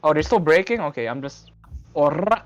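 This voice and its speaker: A man in casual live-stream chat, voice sitting a bit high for a man. He talks playfully and chattily into his streaming mic and slips into laughter easily. Faint music plays underneath. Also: expressive, a little fast, dull audio. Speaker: streamer host. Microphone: streaming microphone.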